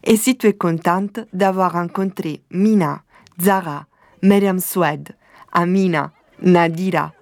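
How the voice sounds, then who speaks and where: A woman from southern Italy giving calm, measured scripted documentary narration. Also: on the low side, dry recording.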